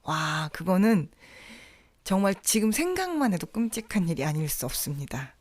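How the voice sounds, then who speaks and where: Soft-spoken woman podcast host. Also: on the low side, big pitch swings, moderate pace, dry recording. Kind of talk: scripted podcast monologue.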